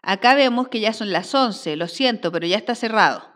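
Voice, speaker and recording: A woman's voice: mid-range voice, expressive, brisk, a bit bright, close to an everyday voice. A woman reading the lines of a polite, patient male waiter from a play script, courteous and apologetic.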